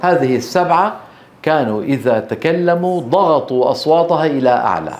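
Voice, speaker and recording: Male recitation teacher, slightly high voice, slow drawn-out demonstrations, echoey room. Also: very animated, a little mellow. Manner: drawn-out demonstration of letter sounds, frequently checking the class. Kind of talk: classroom lecture. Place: classroom.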